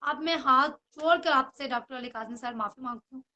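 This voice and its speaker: Young woman, high voice, bright tone, rambling apology, headphones on. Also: fairly quick, dull audio. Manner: rambling, apologetic, mixes in English phrases. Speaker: actress. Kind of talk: emotional personal address to camera.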